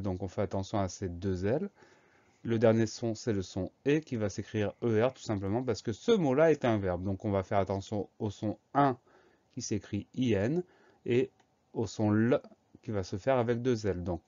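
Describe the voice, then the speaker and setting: Calm man spelling out words slowly. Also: fairly low pitch, highs cut off. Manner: slow, methodical, spelling words letter by letter. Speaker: teacher. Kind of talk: dictation spelling lesson.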